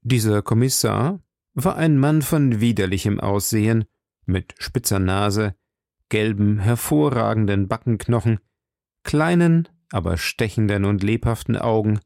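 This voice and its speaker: A man narrating a literary audiobook in a measured, storytelling way. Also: on the low side, creaky, a little mellow, no room sound, clean studio sound.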